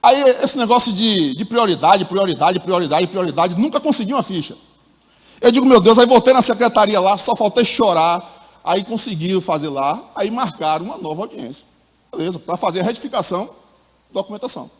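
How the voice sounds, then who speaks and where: Middle-aged man, high voice, animated church testimony, long hall reverb. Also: a little fast, slightly rough. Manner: animated storytelling, acts out the people in his story, calls listeners "my brother". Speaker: church speaker giving a testimony. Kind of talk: personal testimony at a church meeting.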